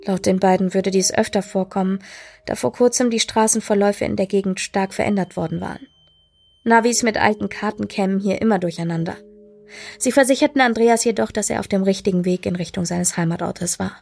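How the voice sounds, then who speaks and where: A woman reads a story aloud in a steady, measured way, her voice mid-pitched with a gravelly, creaky grain. Soft music plays faintly underneath the narration. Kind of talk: storybook reading.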